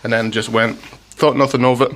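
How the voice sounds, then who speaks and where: A man's voice: mid-range voice, flat delivery, moderate pace, a bit bright, slight background noise. A Scottish man telling a rambling story in a casual monologue, with frequent restarts and chuckles. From Scotland.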